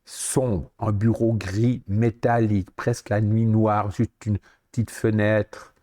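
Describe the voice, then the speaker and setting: A man in his sixties with a Swiss French accent, a podcast guest telling lively anecdotes and acting out the dialogue he quotes. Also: lowish voice, slow pace. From Switzerland. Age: 60s. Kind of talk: storytelling interview.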